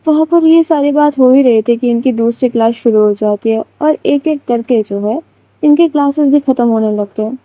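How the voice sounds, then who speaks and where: A woman's voice: high voice, normal speed, mellow, no echo. A woman storyteller narrating a story in a chatty, casual way with many fillers.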